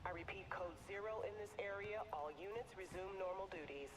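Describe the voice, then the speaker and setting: High police radio dispatcher. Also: male voice, fairly quick, over music. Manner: flat, procedural radio announcing. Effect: police radio transmission.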